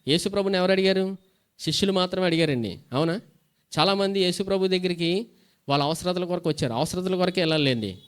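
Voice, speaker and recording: A man's voice: sits high, fast, clear, resonant tone. A pastor preaching a sermon. He asks questions and answers them himself, and reads scripture aloud between plain explanations.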